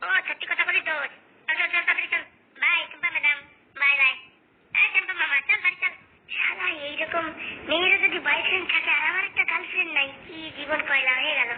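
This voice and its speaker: A woman voicing bickering cartoon villagers in a cartoon, with a rapid, scolding, rustic way of talking. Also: extremely high pitch. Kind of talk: Bengali cartoon dialogue. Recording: tinny phone-band audio.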